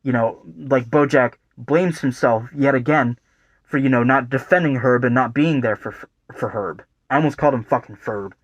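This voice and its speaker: The recording is dry and lo-fi, with faint guitar behind a young man speaking at a moderate pace in a medium-pitched voice. As host of a video essay, he rambles casually, swearing often and filling gaps with verbal tics.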